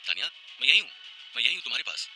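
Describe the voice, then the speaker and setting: A man's voice: medium pitch, big pitch swings, racing, bright, forceful tone, faint music behind, voice pushed up. A man playing a devoted young commando who soothes and protects the woman he loves, tender and reassuring. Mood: soothing. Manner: tender and reassuring, firm when vowing.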